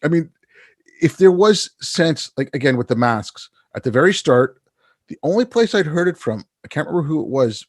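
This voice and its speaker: A man's voice: mid-range voice, no room sound, clean studio sound. A man hosting a podcast in casual conversation, wry and dismissive, leaning on fillers like "you know, like.". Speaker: podcast host.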